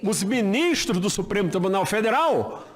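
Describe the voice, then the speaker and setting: An older Brazilian man, a former judge speaking at a senate hearing, delivers an impassioned political speech, emphatic and full of rhetorical questions and repeated phrases. His high voice has lively intonation at normal speed.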